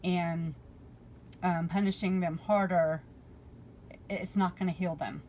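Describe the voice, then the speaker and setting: A woman's voice: fairly low pitch, steady tone, slow, warm tone, a little hiss or hum, rough recording. A woman commentating casually, reading passages from a bill aloud and then paraphrasing them with ums and restarts, her voice a little worn. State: losing her voice. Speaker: political commentary vlogger.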